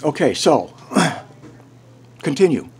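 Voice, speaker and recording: A man's voice: fairly high pitch, big pitch swings, slow pace. A man filming a town clerk with a handheld camera, arguing insistently and raising his voice over an unpaid check. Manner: combative, insistent, raises his voice. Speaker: taxpayer filming a town office. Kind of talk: heated confrontation. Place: small town hall office, indoors. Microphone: handheld camera recording.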